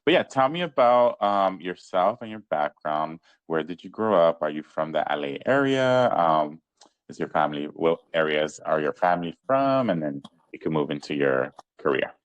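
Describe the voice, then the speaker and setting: A man's voice: rumbling low, sing-song, moderate pace, clear, resonant tone, dry recording, dull audio. A man hosting a podcast, chatting loosely with lots of fillers and easy laughs. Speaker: podcast host. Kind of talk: casual interview chat.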